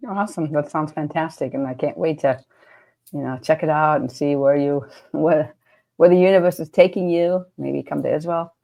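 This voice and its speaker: A woman's voice: sits low, moderate pace, creaky, dark tone. A woman with a German accent hosting a casual interview, chatty and often restarting her sentences. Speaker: podcast host and coach.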